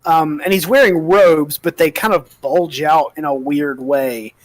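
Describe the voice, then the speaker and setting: A man narrating a tabletop game as game master, improvising in a halting, hesitant way with many pauses. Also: on the high side, steady tone, no echo.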